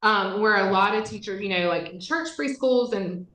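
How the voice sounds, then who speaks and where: A woman's voice: medium pitch, moderate pace, fairly bright tone. Chatty woman trainer, echoey room. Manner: conversational, with frequent fillers. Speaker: literacy trainer. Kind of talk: teacher training presentation.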